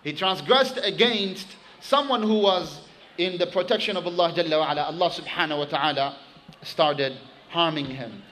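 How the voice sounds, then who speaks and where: A man preaching a sermon to his congregation, telling a story with animated emphasis and quickly reciting Arabic phrases. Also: fairly high pitch, a little hiss or hum, low-quality recording.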